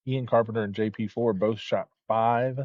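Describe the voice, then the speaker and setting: A man commentates live bowling in a loose, chatty way, pausing on fillers as he goes. His voice sits a little low, and the sound is dry and dull, like lo-fi stream audio. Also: fairly even intonation, dry recording.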